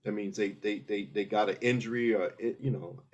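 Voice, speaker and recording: This interview guest, a middle-aged army veteran from Philadelphia, USA, has a voice on the low side, fairly even in intonation, fairly quick and a little mellow, with the highs cut off. In the casual conversation he speaks earnestly, explaining step by step and restarting often.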